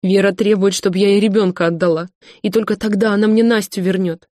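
A frightened, tearful young woman, read by a woman in an audiobook, her voice pleading and strained. The recording is dry and close, with a lowish voice. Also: level tone, a little fast, darkish tone, dry recording, close to an everyday voice. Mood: distraught.

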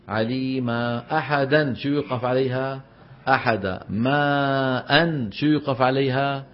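A middle-aged man with a Levantine Arabic accent giving a classroom lecture on Quran recitation. He quizzes his students and then answers by drawing out the example words slowly. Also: mid-range voice. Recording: slightly dull lo-fi recording.

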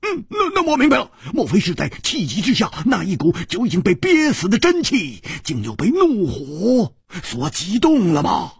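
A male storyteller voicing a brash, boisterous young swordsman who shouts and stammers excitably. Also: high-pitched, moderate pace, gravelly, hardly any pauses, slightly rough, no room sound, pitched above the performer's own voice, full character voice. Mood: puzzled.

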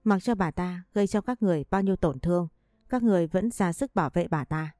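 A woman's voice: lowish voice, a little fast, warm tone, no echo, clean studio sound, close to an everyday voice. A woman voicing a furious, grieving second wife who bites out each word with bitterness.

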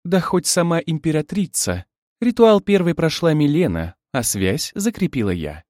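A man voicing a sharp-tongued, self-assured young woman who mocks her rivals. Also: a little high, animated, moderate pace, dry recording, clean studio sound, voice pushed up, lightly acted. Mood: mocking, cocky. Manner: mocking, cocky, cutting. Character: sharp-tongued young woman bride, orphanage-raised, mocking.

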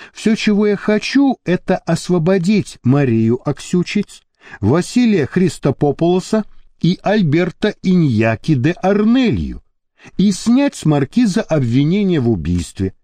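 Brief: a male narrator doing a composed mob boss for an audiobook, measured and persuasive, mellow tone, dry close sound. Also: sits high, no room sound, pitched above the performer's own voice. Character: calm powerful male crime boss.

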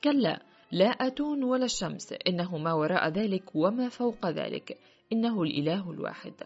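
Woman reading as a fervent young prince, husky, slightly muffled with faint music. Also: mid-range voice, expressive, a little fast, darkish tone. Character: fervent young male prince, a visionary believer.

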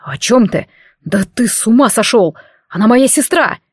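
A woman voicing a brave male uncle, a wounded soldier, who shouts urgently. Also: on the high side, lively intonation, moderate pace, breathy edge, no room sound, studio quality. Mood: outraged.

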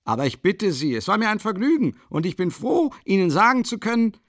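A man's voice: sits high, very animated, a little fast, no echo, studio quality, voice pushed up. A man voicing a pompous, talkative middle-aged police official in an audiobook, chatty and indignant. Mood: effusive. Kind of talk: audiobook character reading.

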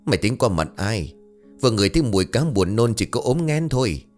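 A man's voice: fairly low pitch, very animated, fairly quick, a little mellow, soft background music. A man voicing a harsh middle-aged village stepmother who shrieks insults and wails. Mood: scolding.

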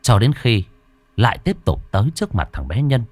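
A man narrating a horror story in a dramatic, drawn-out storytelling manner. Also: mid-range voice, sing-song, darkish tone, no echo.

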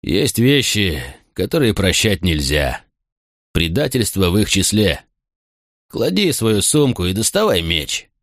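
A blunt, furious Roman centurion barks short orders in a low, sharply rising and falling voice, as a man reads him. The sound is dry and close, like a storybook reading. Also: very animated, measured pace, fairly bright tone, no echo, full character voice. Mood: stern. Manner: blunt, harsh, clipped commands.

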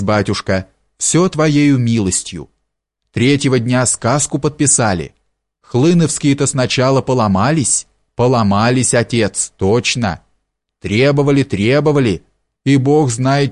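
A man's voice: medium pitch, measured pace, dry recording, clean studio sound, lightly acted. A man voicing a tipsy, fawning old male village steward who gushes in a sing-song way. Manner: sing-song, gushing, servile.

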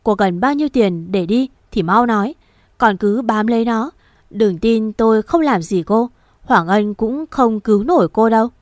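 A woman's voice: fairly high pitch, animated, normal speed, a little mellow, dry recording, studio quality, lightly acted. A woman reading a story aloud, voicing an angry wealthy grandmother who scolds and hurls insults. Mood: contemptuous. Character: scornful wealthy old grandmother, furious and contemptuous.

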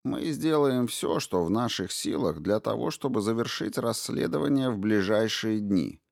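A man doing a sly, calm investigator. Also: lowish voice, moderate pace, creaky, no echo, studio quality. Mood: probing. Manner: innocent-sounding, sly. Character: sly male investigator, calm probing questioner.

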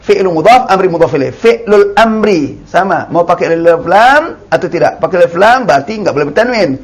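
Man teaching grammar, slow drawled examples. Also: sits high, expressive. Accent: Indonesian. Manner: explains patiently, repeats key terms, drawls the words he models. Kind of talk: classroom grammar lesson.

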